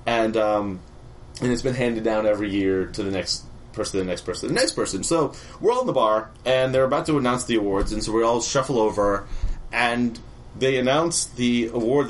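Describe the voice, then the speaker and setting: A man's voice: mid-range voice, lively intonation, brisk, slight background noise. A man hosting a podcast in casual chat, using a put-on radio announcer voice. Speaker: podcast host.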